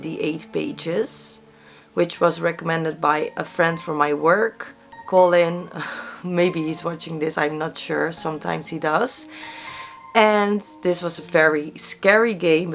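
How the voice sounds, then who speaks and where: Dutch-native woman host, low-ish voice, stuffy with a cold, true crime storyteller over faint music. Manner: dramatic narration with pauses, then chatty asides.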